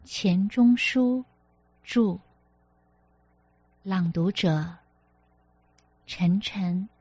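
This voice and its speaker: Slow, measured woman narrating a novel. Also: medium pitch, slightly rough, dry recording, highs cut off. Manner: measured, even storytelling. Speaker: audiobook narrator.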